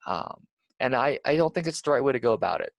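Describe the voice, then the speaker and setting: A man's voice: medium pitch, expressive, fast, creaky, no echo. A young man co-hosting a casual podcast, talking earnestly with many restarts. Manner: earnest, full of "you know" restarts. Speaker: podcast co-host.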